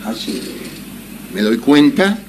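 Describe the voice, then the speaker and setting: A man's voice: medium pitch, sing-song, takes it slowly, a little mellow, a little hiss or hum. A man with an Argentine accent telling a casual anecdote, laughing often and acting out the voices of people in his story. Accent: Argentine Spanish.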